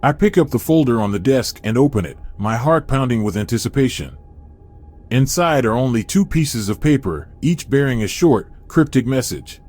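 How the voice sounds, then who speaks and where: A man reading a scripted first-person horror story in a steady, measured way. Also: mid-range voice. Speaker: narrator.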